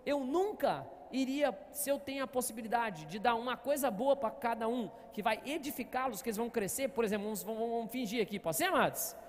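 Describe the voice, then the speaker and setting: A man's voice: very high voice, a little fast, hardly any pauses, big-room sound. A man preaching as pastor, telling stories and often asking the congregation to answer back. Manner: storytelling, often asking the congregation "Amém, amados?". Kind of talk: sermon. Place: church hall.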